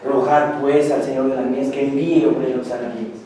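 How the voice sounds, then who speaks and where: A man's voice: medium pitch, flat delivery, moderate pace, warm tone, very echoey, far from the mic, slight background noise, poor audio. A man preaching a sermon as pastor, pressing his points with repeated phrases and rising emphasis. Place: church.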